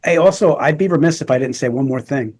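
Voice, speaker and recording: A man with a New York area accent, chiming in excitedly as co-host of a casual podcast. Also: mid-range voice, quick pace.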